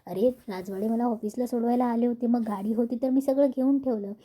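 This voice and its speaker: Woman as a calm young daughter, reassuring, dark tone. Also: fairly high pitch, brisk, close to an everyday voice. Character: young married daughter, patient and reasonable.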